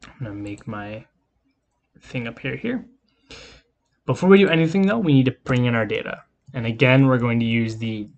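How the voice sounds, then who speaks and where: In a screen-recorded coding lecture, a man speaks at an ordinary middle pitch, casually explaining each step as he types. Keyboard clicks and slight background noise come through.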